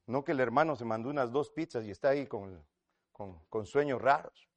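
A man preaching a sermon, swinging between loud declarations and hushed asides and speaking to each listener as "brother". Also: medium pitch, brisk, dry recording, muffled recording. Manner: acts out quoted voices in retold scenes.

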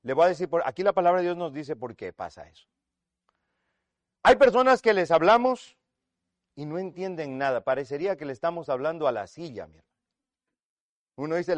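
A man preaching a sermon, swinging between loud declarations and hushed asides and speaking to each listener as "brother". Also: on the high side, very animated, moderate pace, long pauses, dry recording. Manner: acts out quoted voices in retold scenes.

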